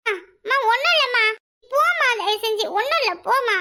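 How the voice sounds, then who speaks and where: A woman voicing a high, bitter young village girl. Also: lively intonation, brisk, sharp tone, exaggerated voice. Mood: evasive. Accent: Kanyakumari Tamil. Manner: pleading, then cold and resentful. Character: vengeful young village daughter, secretive and bitter. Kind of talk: cartoon voice acting.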